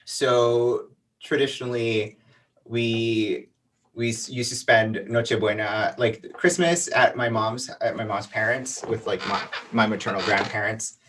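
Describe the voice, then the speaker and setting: A man's voice: mid-range voice, a bit bright, recorded from a distance, slight background noise. A man in his thirties from the El Paso and Juarez border region, telling a childhood story in a casual interview, rambling with many fillers. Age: 30s. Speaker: guest.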